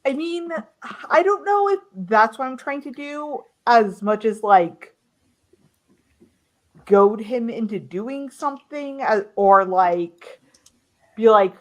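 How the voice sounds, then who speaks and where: Animated woman playing a tabletop game. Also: on the high side, slow, poor audio. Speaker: player. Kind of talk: tabletop role-play.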